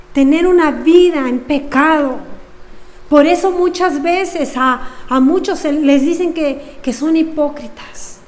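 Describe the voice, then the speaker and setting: A woman's voice: high voice, big-room sound. A woman pastor, preaching a sermon earnestly and asking the congregation rhetorical questions. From Mexico.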